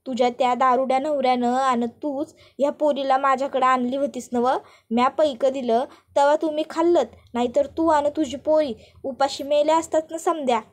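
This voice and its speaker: A scornful village woman hurls accusations in a high, raised voice, as a woman narrator plays her. Her tone is harsh and contemptuous throughout. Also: moderate pace, a little mellow, close to an everyday voice.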